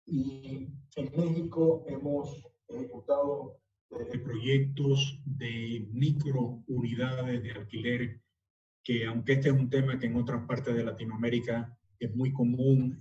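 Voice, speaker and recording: Man in his sixties, born in Cuba, presenting slides in a hesitant way; warm tone, muffled far-off audio. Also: mid-range voice. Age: 60s. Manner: hesitant, many filler sounds. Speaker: architect giving a talk.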